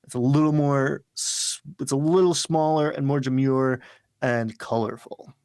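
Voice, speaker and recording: A man narrating as game master, describing the scene in an unhurried, rambling way. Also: mid-range voice, fairly even intonation, darkish tone, smooth, dry recording.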